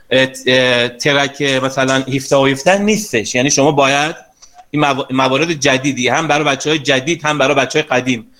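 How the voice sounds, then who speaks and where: Over a video call, a sales trainer with a slightly high, somewhat bright voice teaches an online class. He addresses his students directly in a chatty, coaxing manner, teasing them now and then.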